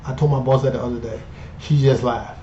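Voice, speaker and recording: A man's voice: medium pitch, fairly even intonation, fairly quick, dark tone. A man in his fifties hosting a casual portfolio update, talking in a chatty way and often tagging on "okay" and "you know". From Colombia. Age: 50s. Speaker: investing channel host. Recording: echoey room, dull lo-fi sound, faint noise.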